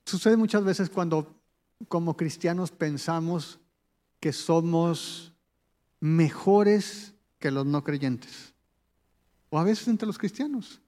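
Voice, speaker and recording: A high-pitched man with a warm tone preaches a sermon slowly and conversationally, often turning to ask the listener questions. A long reverb on his voice makes it sound as if he's filling a large hall.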